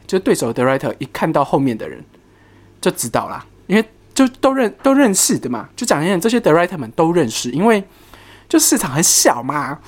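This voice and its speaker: Animated speaker with a lively, swooping voice. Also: mid-range voice. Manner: animated, exclamatory, mixes in English words and curses. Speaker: HR worker telling a work story. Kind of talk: casual storytelling vlog.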